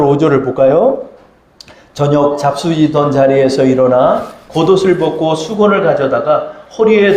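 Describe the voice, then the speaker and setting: A male pastor gives a sermon in a chatty style, throwing questions out to his listeners. His voice sits somewhat high for a man. The sound rings with the echo of a church sanctuary. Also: a little mellow. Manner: conversational, asks the congregation questions.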